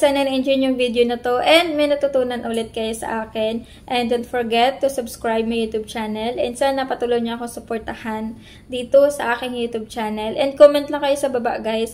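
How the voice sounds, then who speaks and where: A woman with a high voice and an Ilonggo accent hosts her own casual phrase-lesson vlog. She talks chattily, laughs often and acts out angry lines with a rising tone. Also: darkish tone. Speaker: vlogger teaching phrases.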